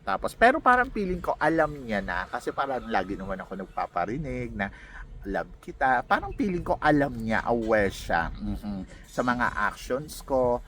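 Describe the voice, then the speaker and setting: A man casually telling a personal story as a vlogger, animated and laughing often as he acts out what others said. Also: medium pitch, normal speed.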